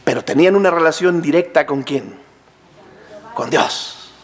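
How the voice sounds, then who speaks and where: A man preaching a sermon as pastor, asking his congregation questions and answering them himself, building to near shouts. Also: on the high side, measured pace.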